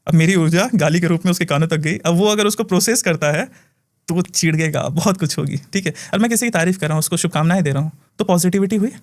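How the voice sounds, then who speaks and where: Brief: male spiritual healer, high-pitched, lively storyteller, laughs a lot. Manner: animated storytelling, laughs often. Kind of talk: casual podcast chat.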